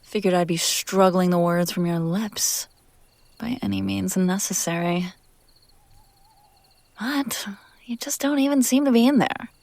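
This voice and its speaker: A medium-pitched, creaky female voice with a darkish tone plays a possessive demon who teases the listener in an intimate scripted roleplay. She speaks theatrically, lengthening phrases and dropping into whispers, on a dry recording. She comes across as musing and probing.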